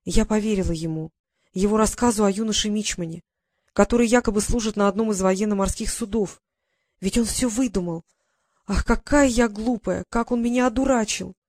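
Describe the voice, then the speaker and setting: A woman's voice: medium pitch, a little fast, a little mellow, dry recording, studio quality, natural voice. A reader voicing a frightened, naive young English lady who pleads and holds back tears. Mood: tearful. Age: young adult. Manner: pleading, tearful.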